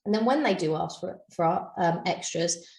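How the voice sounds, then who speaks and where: A woman's voice: lowish voice, animated, normal speed, darkish tone. A woman co-hosting a business podcast, giving firm, practical advice. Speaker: podcast co-host. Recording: echoey room.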